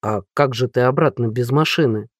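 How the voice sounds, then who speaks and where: A man's voice: mid-range voice, moderate pace, dry recording, studio quality, voice pushed down, lightly acted. A reader voicing a gloomy, tactless male police captain who drawls his blunt remarks. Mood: glum.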